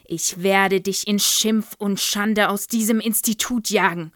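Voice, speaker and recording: A woman's voice: mid-range voice, steady tone, measured pace, fairly bright tone, no echo, studio quality, natural voice. A woman voicing a huge, brutal, child-hating headmistress who bellows insults at a pupil. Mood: furious bellowing.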